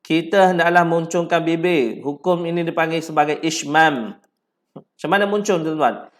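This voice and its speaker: A man with a Malaysian Malay accent teaching Quran recitation, repeating words slowly syllable by syllable to correct pronunciation and breaking into drawn-out chanted verses. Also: a little high.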